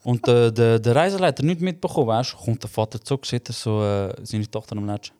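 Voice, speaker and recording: A man's voice: mid-range voice, fast talker. A young man with a Swiss German accent, telling a story in a casual podcast chat and acting out the quoted voices. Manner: animated storyteller, acts out quoted dialogue. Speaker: podcast co-host.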